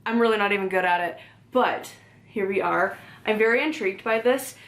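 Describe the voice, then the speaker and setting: A young woman's medium-pitched, fairly bright voice runs a little fast as she talks about library books indoors at home. It's a casual book-vlog chat, rambling and packed with "like" fillers and self-corrections, with easy laughs and remarks to her cat between books.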